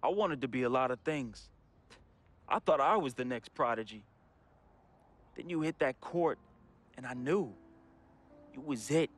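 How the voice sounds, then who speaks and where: A medium-pitched, animated male voice reads at a measured pace with frequent pauses. The actor plays a troubled young man in a game, giving a confessional farewell letter as a somber, heartfelt studio voice-over monologue in casual slang.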